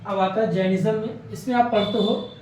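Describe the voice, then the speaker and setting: A man lectures an exam-prep class in a fairly high voice, chatty and repetitive, tossing out rhetorical questions. He sounds a step away from the mic, and his voice booms around a bare, echoing room. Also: steady tone, moderate pace, a little mellow, far from the mic, a little hiss or hum. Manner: conversational, repeats key words, asks rhetorical questions. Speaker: exam coaching teacher.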